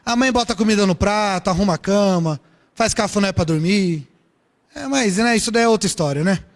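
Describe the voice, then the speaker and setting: High-voiced preacher in a reverberant hall. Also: male voice, brisk. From São Paulo, Brazil. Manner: lively storytelling preaching with rhetorical questions. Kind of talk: sermon.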